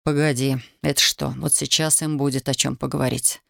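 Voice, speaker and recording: A cocky young soldier, voiced by a woman reader, sits low in pitch and speaks bluntly and with a grin. The tone is dry and close to the mic. It suits an audiobook scene. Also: little pitch movement, a little fast, gravelly, a bit bright, no echo, heavily acted. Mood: teasing. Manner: bold, blunt, teasing.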